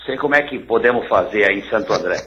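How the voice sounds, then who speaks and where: A man's voice: fairly low pitch, lively intonation, fast talker, bright, forceful tone. A man calling in to a TV show, friendly and effusive. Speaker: phone-in caller. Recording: dull phone line.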